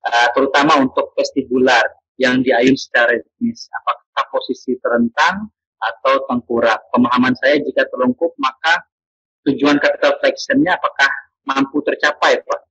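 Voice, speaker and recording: A man's voice: medium pitch, fairly even intonation, normal speed, bright, forceful tone, husky, no echo, faint music behind. A man moderating a webinar who reads out audience questions politely and teases the speaker in a friendly way. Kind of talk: reading out questions. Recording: dull dry online call audio.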